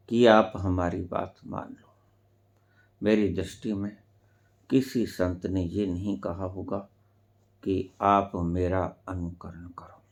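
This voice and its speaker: A man giving a spiritual discourse as a teacher, speaking deliberately with sudden loud emphatic rises. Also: low voice. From India.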